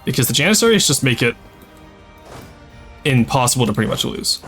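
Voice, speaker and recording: Very animated and a little fast, the Quebec-born streamer speaks in a mid-range, slightly bright voice, with faint music in the background. He's a young French Canadian with a light Québécois accent, chatty as he plays a strategy game and reads and answers chat in a casual livestream.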